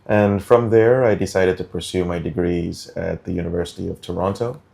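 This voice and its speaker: A deep-voiced man with a gravelly edge talks as a studio interview guest. He is middle-aged and from Guyana. He explains things slowly and deliberately, with frequent ums and uhs. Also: fairly even intonation, dark tone. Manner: measured, deliberate, many um fillers. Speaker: interview guest, food policy director.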